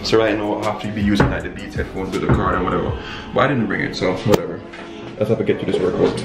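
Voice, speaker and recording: A man's voice: fairly low pitch, fairly even intonation, quick pace, roomy sound, loud music behind the voice. A young man with a Caribbean accent chats casually and slangily to his viewers, vlogging from a gym locker room. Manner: slangy, conversational. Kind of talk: casual vlog chat to viewers.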